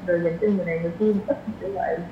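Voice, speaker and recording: A woman in her twenties talks very fast in a steady voice on the low side, her southern Vietnamese accent mixed with English slang. As a podcast guest in a relaxed interview, she's recorded in a roomy, dull space with faint noise.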